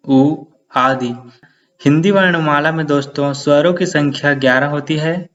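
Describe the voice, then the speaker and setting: A man's voice: a little high, lo-fi sound. A man teaching a grammar lesson, repeating each definition and often calling his viewers friends.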